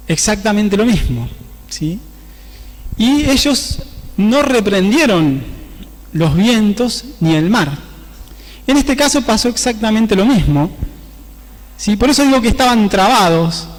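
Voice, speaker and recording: High-voiced preacher in a reverberant church. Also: male voice. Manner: conversational preaching, often tagging phrases with a questioning "¿sí?". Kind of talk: sermon.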